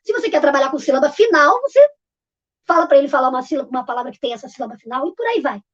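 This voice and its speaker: A woman's voice: high voice, lively intonation, rapid-fire, a bit bright. A woman with a Brazilian Portuguese accent, a literacy teacher explaining classroom games in a live online talk, informal with many fillers and restarts. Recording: dull lo-fi audio.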